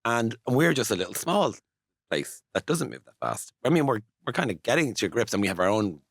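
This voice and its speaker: An Irish man in his fifties chatting casually as a podcast guest, telling stories quickly with animated asides. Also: mid-range voice, husky, dry recording, clean studio sound. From Ireland. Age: 50s. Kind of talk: casual chat.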